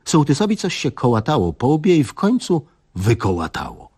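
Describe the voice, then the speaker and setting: Male comic reader, husky and lively in pitch, wry deadpan. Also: normal speed. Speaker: narrator of a comic story. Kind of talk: comic story reading.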